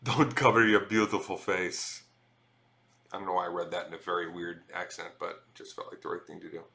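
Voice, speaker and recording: A man's voice: deep voice, monotone, racing, gravelly, bright, forceful tone. A middle-aged man chatting casually on a live stream, reading viewer messages aloud and swearing freely.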